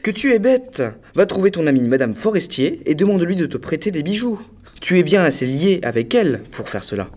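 A man voicing a meek, well-meaning clerk husband in an audiobook story, speaking in a gentle, coaxing way. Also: fairly high pitch, sing-song, fairly quick. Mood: exasperated. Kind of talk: audiobook dialogue.

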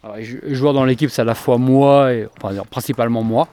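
Measured middle-aged basketball coach. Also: male voice, mid-range voice, fairly even intonation, mellow. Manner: measured, explanatory. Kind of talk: interview answers.

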